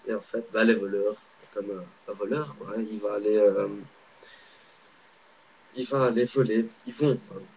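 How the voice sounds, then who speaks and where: A man with a Belgian French accent, casually demonstrating a card trick in a rambling, hesitant way with many fillers, recorded on a laptop webcam mic. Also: on the low side. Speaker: amateur magician. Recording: dull lo-fi webcam audio, faint hiss.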